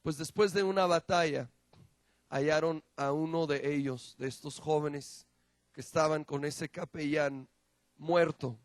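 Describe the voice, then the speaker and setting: Impassioned high-voiced male preacher. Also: fairly even intonation, dry recording. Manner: impassioned preaching, dramatic swings from loud to hushed; slow, drawn-out emphasis on key words. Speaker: pastor. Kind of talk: sermon.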